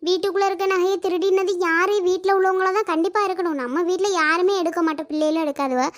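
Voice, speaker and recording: A woman's voice: very high-pitched, steady tone, fast talker. A woman playing a sly scheming village woman. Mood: plotting. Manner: sly, conspiratorial. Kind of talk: cartoon family drama dubbing.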